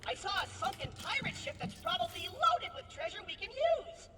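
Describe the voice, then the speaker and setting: A very high, lively girl's voice runs a fantasy video game as its bossy, playful game master. The delivery swings theatrically between exclamation and muttering. It rings in a reverberant hall with music behind. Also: brisk, recorded from a distance, background noise. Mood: gleeful, scheming.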